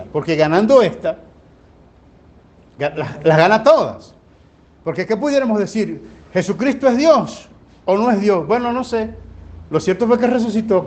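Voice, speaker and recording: Un pastor que predica en una iglesia, con tono de relato sencillo y muchas preguntas retóricas al público. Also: male voice, high-pitched, darkish tone. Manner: folksy storytelling with rhetorical questions. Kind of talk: sermon teaching. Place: church. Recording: live church recording with faint ambient noise.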